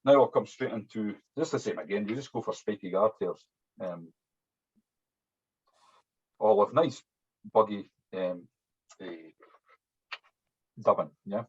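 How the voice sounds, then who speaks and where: A man's voice: lowish voice, unhurried, pauses often, breathy edge. A man with a strong, broad Scottish accent, giving an informal hands-on demonstration as an instructor, chatty and often tagging his sentences with "yeah". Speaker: fly-tying instructor. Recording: dull, muffled lo-fi audio.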